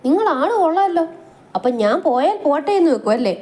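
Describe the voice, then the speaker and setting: A woman's voice: high-pitched, very animated, quick pace, darkish tone, pitched above the performer's own voice. A woman voicing a young wife who takes mock offense at her husband. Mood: indignant. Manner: indignant.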